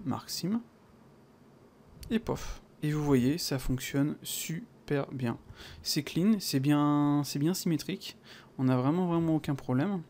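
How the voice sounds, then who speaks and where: A French-accented man walks through a software tutorial in a loose, chatty way, dropping fillers and playful sound words as he clicks along. His voice sits a little high for a man and has a gravelly edge. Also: slight background noise. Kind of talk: casual screen-recorded tutorial.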